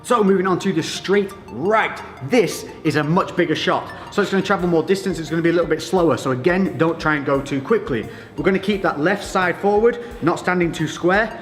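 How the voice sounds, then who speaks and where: A man's voice: high-pitched, brisk, hardly any pauses. A man giving encouraging, informal step-by-step boxing instruction as a fitness coach during a workout demonstration. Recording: echoey reverberant room with music.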